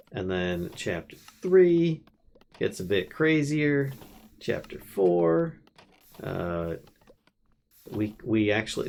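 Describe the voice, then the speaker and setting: A man's voice: fairly low pitch, vocal fry, darkish tone, slight background noise. A man live-streaming a modded game, chatting casually, teasing his co-player and laughing often. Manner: playful teasing, laughs often, thinks aloud.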